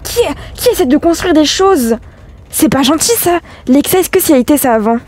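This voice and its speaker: A woman's voice: high-pitched, animated, normal speed, darkish tone, slight background noise. A young woman hosting a game role-play video, giving bossy, theatrical commands to her group. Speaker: gaming video host.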